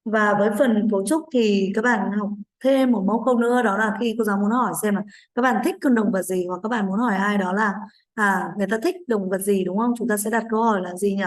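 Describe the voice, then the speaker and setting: A woman teaching an English vocabulary lesson to children with a Vietnamese accent, modeling each word slowly and clearly for repetition. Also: mid-range voice, fairly even intonation. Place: online recorded lesson.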